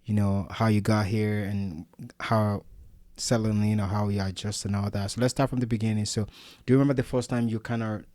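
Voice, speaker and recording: A man hosting a podcast, asking questions in a relaxed, easygoing way. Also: lowish voice, a little fast, hardly any pauses, dry recording, studio quality. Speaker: podcast host. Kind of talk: casual interview talk.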